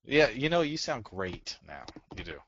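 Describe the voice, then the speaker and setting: A man cutting into a webinar with quick, playful jokes. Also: medium pitch, big pitch swings, fairly bright tone, slightly rough. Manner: joking, playful. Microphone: computer mic over an online call. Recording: dull, distant, dry call audio.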